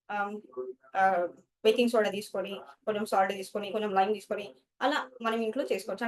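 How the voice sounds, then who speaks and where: A woman's voice: on the high side, far from the mic. A woman teacher, explaining study skills to students and mixing English words into her talk.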